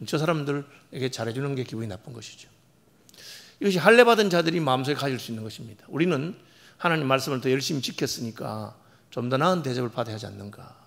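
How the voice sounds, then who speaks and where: A man's voice: mid-range voice, animated, fast talker, gravelly, fairly bright tone. A male pastor preaching a sermon in a church, asking his listeners questions and retelling parables with the characters' lines acted out. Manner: emphatic, asks the congregation questions and answers them. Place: church sanctuary.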